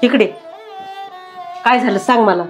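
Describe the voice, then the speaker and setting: A woman's voice: a little high, a little slow, faint music behind. A middle-aged woman, playing a mother who consoles her daughter in a village comedy sketch. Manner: consoling, emotional, rustic dialect.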